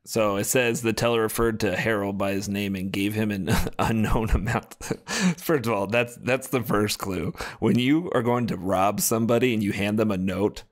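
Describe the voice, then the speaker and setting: A man's voice: fairly low pitch, normal speed. A man co-hosting a casual podcast, reading odd news stories aloud in a jokey way and laughing between sentences. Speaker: podcast co-host.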